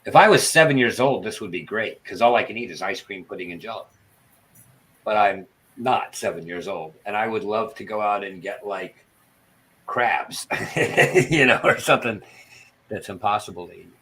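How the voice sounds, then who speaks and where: A low-pitched male voice in casual livestream conversation. He lisps and whistles on his sibilants because his front teeth are missing. His delivery is that of a self-deprecating storyteller. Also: moderate pace, a bit bright, rough recording. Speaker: livestream participant and former broadcaster.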